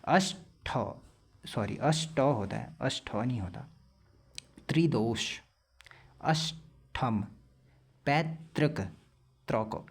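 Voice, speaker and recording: A young man teaching a casual spelling lesson for exam prep, explaining plainly and repeating words slowly to correct them. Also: mid-range voice, creaky, slightly rough.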